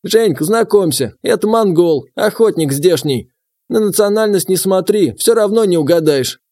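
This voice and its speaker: A man voicing a gruff, grumbling old huntsman who talks to his apprentice. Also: sits high, animated, moderate pace, mellow, voice pushed up. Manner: grumbling, brusque.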